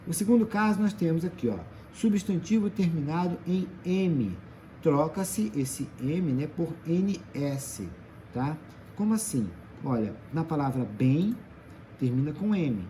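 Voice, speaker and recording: A man's voice: on the high side, expressive, measured pace, warm tone, a little hiss or hum. A Brazilian man teaching a grammar lesson, patient, stretching out example words and checking in after each point. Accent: Brazilian Portuguese. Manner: patient, checks in often with tag questions. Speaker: Portuguese teacher.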